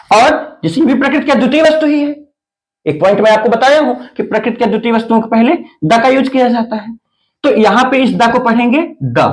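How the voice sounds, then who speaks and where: A man's voice: very high voice, rough recording. A man teaching English grammar in Hindi, working through examples and asking the listener rhetorical questions. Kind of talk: classroom-style grammar explanation.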